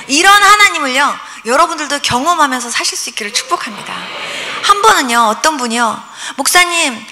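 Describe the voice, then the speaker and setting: Older lady pastor, high bright voice, lively storytelling sermon, big hall echo. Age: 60s. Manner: lively storytelling, acts out prayers and dialogue. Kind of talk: revival sermon testimony. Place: church revival meeting hall. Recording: long hall reverb.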